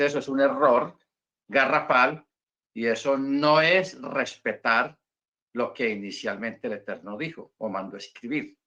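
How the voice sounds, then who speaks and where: Bright-voiced man teaching Hebrew. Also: medium pitch, dull audio. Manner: explains patiently, repeats points, asks "¿Ok?". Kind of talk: teaching class to congregation. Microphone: video call.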